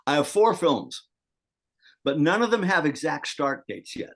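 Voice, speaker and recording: A man's voice: on the high side, expressive, measured pace. An older man talking as an actor guest in a casual interview, chatty and meandering, with many restarts.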